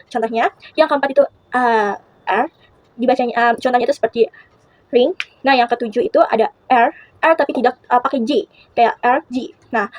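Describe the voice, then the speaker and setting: A teenage Indonesian girl explaining English pronunciation to classmates for a school assignment, halting with fillers and self-corrections. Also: fairly high pitch, no room sound, dull audio. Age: late teens. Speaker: student presenting a school assignment.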